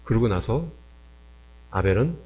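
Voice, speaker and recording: A male pastor delivering a sermon with animated storytelling, often putting questions to the congregation. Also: lowish voice, unhurried.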